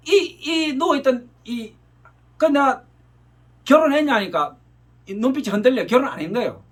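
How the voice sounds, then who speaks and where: Emotional high-pitched pastor preaching. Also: male voice, a bit bright. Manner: emotional storytelling, acts out gestures with repeated "이렇게". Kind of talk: sermon.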